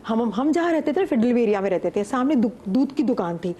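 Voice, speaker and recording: A middle-aged woman, a guest on a morning talk show, telling a story of a frightening experience in an animated, vivid way. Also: on the high side, brisk, slight background noise. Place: TV studio set.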